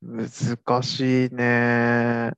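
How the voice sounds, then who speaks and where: A man's voice: medium pitch, completely flat delivery, drawn-out words, fairly bright tone, clean tone, no echo. A young man in casual conversation who reacts often with short replies and laughs easily. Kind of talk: casual chat.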